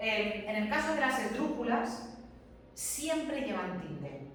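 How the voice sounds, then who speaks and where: Spanish teacher lecturing in an echoey classroom. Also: female voice, on the high side, sing-song, slow, far from the mic, slight background noise. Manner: explains step by step, repeats points, asks the class questions. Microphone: distant camera mic.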